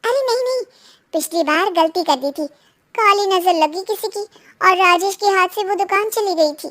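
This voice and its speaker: A woman plays a cheerful young wife in a cartoon, chatty and excitable, quick to share her news. Her voice is very high and lively. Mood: eager. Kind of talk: cartoon voice acting.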